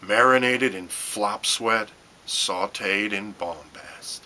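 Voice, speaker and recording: A poet reads his own work as dramatic spoken-word poetry, in a deep, slow, sharp-edged male voice. He's deliberate, using short phrases with pauses and emphatic stresses. There's a little hiss or hum in the recording.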